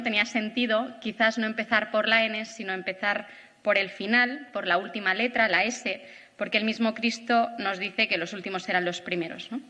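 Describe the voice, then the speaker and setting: A woman's voice: on the high side, pushed and bright. A woman of thirty giving a prepared conference talk, earnest and reflective, often adding "eh" and "¿no?". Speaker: conference speaker. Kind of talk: prepared lecture. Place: large auditorium. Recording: long auditorium reverb.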